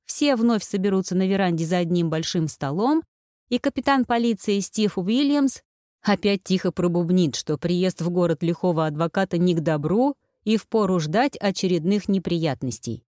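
Brief: female audiobook narrator, low voice, steady delivery, dry close mic. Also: normal speed, dry recording. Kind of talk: scripted narration.

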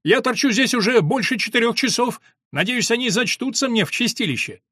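A man's voice: extremely high pitch, expressive, a little fast, bright, forceful tone, slightly rough, no echo, clean studio sound, pitched above the performer's own voice, full character voice. A man reading an audiobook voices an impish blond student, brash and irreverent. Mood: griping. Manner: brash griping.

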